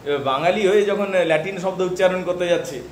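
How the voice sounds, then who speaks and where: A man with a Bengali accent teaching English literature in a classroom lecture, often pausing to check that students follow. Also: high-pitched, roomy sound, slight background noise.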